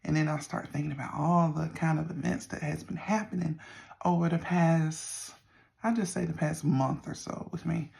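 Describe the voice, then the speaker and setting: A middle-aged person with a Southern US accent and a creaky voice, chatting casually to viewers in a folksy, meandering way. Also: medium pitch, steady tone, moderate pace, darkish tone. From Southern United States. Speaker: vlogger. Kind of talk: casual rambling check-in to viewers.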